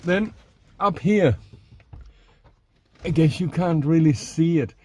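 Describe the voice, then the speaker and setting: A middle-aged man speaks haltingly in a casual demonstration vlog, recorded inside a small minivan camper. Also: a little high, mellow. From Denmark. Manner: hesitant, halting delivery while working. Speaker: vlogger. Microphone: camera a short distance away.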